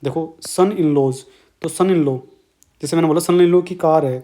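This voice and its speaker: A man's voice: fairly high pitch, moderate pace, mellow, a little hiss or hum. A man with an Indian accent teaching an exam-prep grammar lesson, explaining step by step and asking and answering his own questions.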